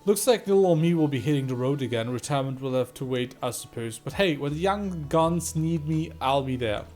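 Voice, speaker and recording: A man's voice: fairly high pitch, expressive, brisk, a little mellow, faint music behind, lightly acted. A man voicing a laid-back, tired female veteran trucker in a game, reading her lines in an easygoing, self-deprecating way. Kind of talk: reading game dialogue aloud.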